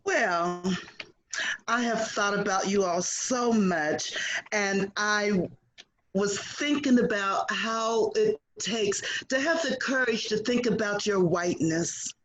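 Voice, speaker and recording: A gentle director speaks slowly and tenderly to the residents, with a faint hiss behind. in a plain, soft manner. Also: medium pitch, reverberant, low-quality recording. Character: caring nursing-home director Doctor Klein.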